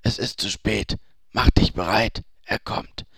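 A man voicing a weary fellow prisoner and healer who speaks quietly and with resignation, in an audiobook reading. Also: on the low side, measured pace, vocal fry, husky, dry recording, studio quality, voice pushed up, exaggerated voice. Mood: resigned farewell.

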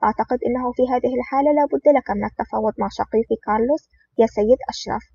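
A reader plays a scheming male crime boss who talks in a measured, smooth way. The recording is dull and lo-fi, with a faint hiss behind it. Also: mid-range voice, steady tone, mellow, natural voice. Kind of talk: audiobook reading.

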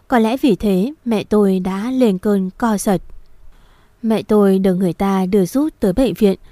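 A woman reading a first-person story aloud in a steady, somber storytelling manner. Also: mid-range voice, no echo, studio quality. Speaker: narrator.

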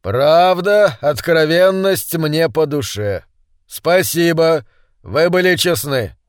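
A man doing a sneering strict schoolteacher, sarcastic and commanding, fairly high voice. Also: lively intonation, takes it slowly, clean tone, no room sound, clean studio sound. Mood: stern. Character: stern sarcastic male schoolteacher, middle-aged.

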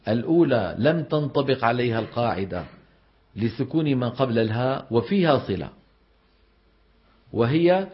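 A man's voice: mid-range voice, breathy edge. Guy teaching quran recitation rules, keeps quizzing the class, dull lo-fi recording. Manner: explains with frequent questions to the class; recites verse examples slowly.

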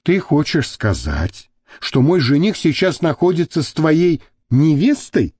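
Guy doing a coquettish young model lady, high and swooping, slow. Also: very animated, a little mellow, husky, no room sound, clean studio sound, heavily acted. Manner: chirping, coquettish.

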